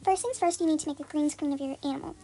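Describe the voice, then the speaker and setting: A tutorial host talks through a voice changer that pitches their voice very high to disguise it, racing along in a dark tone over soft background music. It's a casual step-by-step tutorial, chatty and packed with "like" and "um."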